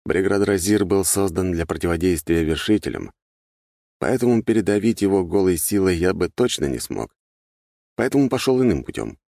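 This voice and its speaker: A man narrating a fantasy audiobook in the first person, steady and measured. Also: low-pitched, no room sound, clean studio sound.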